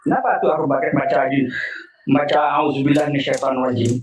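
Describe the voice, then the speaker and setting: A man's voice: mid-range voice, steady tone, fast, a crowd in the background. A man calling in to a discussion, talking in an earnest, questioning way that circles back on its points. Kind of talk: casual call-in discussion. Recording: echoey, distant from mic.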